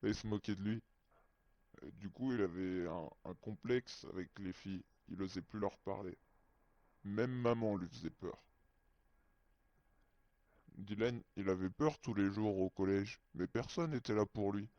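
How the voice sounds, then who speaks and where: In dry, muffled lo-fi sound, a disguised male voice, run through a voice changer, falters through a first-person story in a hesitant, childlike way. It sits lowish and dark in tone, unhurried, with long pauses.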